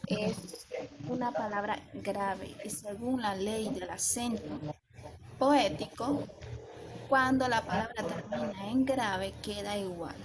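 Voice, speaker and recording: A woman teacher explaining poetic meter in a slow, careful way, counting syllables aloud. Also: medium pitch. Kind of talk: recorded lesson explanation. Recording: loud background noise.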